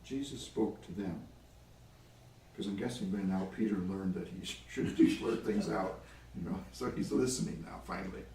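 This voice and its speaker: Wry, low-voiced man retelling scripture. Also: gravelly, mellow, a little hiss or hum. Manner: chatty, wry asides. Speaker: prayer group leader. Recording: echoey room, far from mic.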